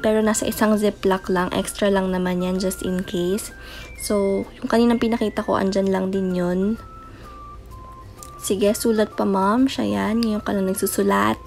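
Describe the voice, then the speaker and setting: Chatty mom over faint music. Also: female voice, mid-range voice. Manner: chatty, mixes in English words, soft late-night voice. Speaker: mom vlogger. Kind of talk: casual voice-over show-and-tell.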